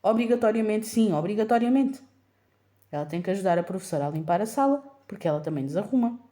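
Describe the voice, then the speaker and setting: A woman's voice: lowish voice, animated, racing, dark tone. A young woman with a European Portuguese accent, a mother casually retelling a story to her vlog audience with emphasis. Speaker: mother of a toddler.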